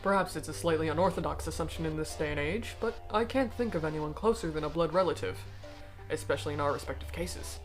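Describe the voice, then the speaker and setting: In a fan dub of comic dialogue, a performer with a medium-pitched, near-everyday voice plays a cold, aristocratic alien noble. Faint music runs underneath as the character speaks in a formal, eloquent, measured way, grave and probing, bitter yet persuasive.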